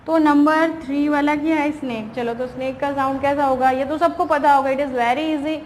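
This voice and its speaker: A primary school teacher leads a recorded online lesson for young kids in a high, patient voice with fairly even intonation. She asks questions and answers them herself, reading English lines slowly and explaining them in Hindi. The room is reverberant, with faint background noise.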